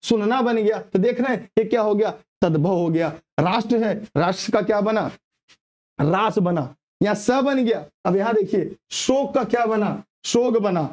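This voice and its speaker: A man with a high-pitched voice leads an exam-prep grammar lesson. He keeps firing questions at the class and answering them himself, drilling each point home. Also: moderate pace, a little mellow. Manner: quizzing, asks and answers own questions. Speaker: Hindi grammar teacher.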